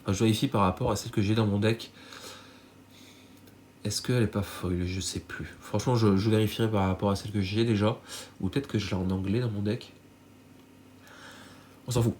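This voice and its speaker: A man's voice: on the low side, steady tone, brisk, pauses often, darkish tone, slight background noise. A man with a stuffy nose from a cold, chatting casually to viewers as he shows off cards he bought, rambling with many fillers and restarts. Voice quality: nasal. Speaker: card collector YouTuber. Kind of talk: casual unboxing chat to viewers.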